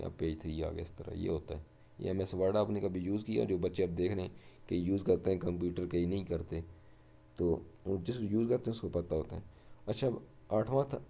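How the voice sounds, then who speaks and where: Deep, very dark male teacher's voice. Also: vocal fry. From Pakistan. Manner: explains each word slowly, repeats "ٹھیک ہے"; reads English example sentences slowly. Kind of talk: vocabulary lesson in Urdu with English words. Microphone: voice-over over a screen recording.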